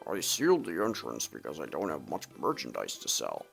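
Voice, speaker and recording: A man voicing a gruff, stingy male Goron shopkeeper while reading game dialogue aloud in a dry, businesslike way. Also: very deep voice, huge pitch swings, brisk, fairly bright tone, faint music behind, pitched below the performer's own voice, heavily acted.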